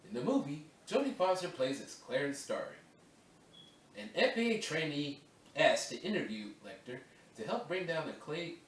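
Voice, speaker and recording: A man records voice-over takes for a video essay, chatting casually between takes and restarting lines to fix his reading. His voice is fairly high with big pitch swings at a moderate pace, captured on a distant mic with roomy echo, faint ambience and a little hiss or hum.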